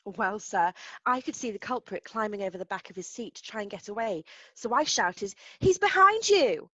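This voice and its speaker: A woman's voice: medium pitch, fairly quick, fairly bright tone, dry recording, close to an everyday voice. Earnest pantomime actress witness, played by a woman, in a dry, muffled recording. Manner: earnest storytelling testimony.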